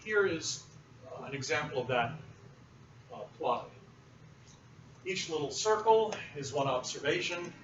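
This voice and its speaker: A man's voice: fairly high pitch, a little slow, pauses often. Man lecturing from across a roomy classroom. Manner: relaxed, explanatory, thinks aloud with fillers. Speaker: university economics lecturer. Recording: roomy, muffled, distant classroom recording with noise.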